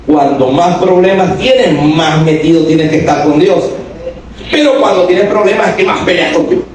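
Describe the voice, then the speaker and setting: A man's voice: sits high, normal speed, a little mellow, slight background noise. A male pastor preaching a sermon. He is emphatic and quizzes the congregation with questions. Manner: emphatic, asks the congregation questions and acts out quoted voices. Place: church. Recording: echoey church hall from a distance.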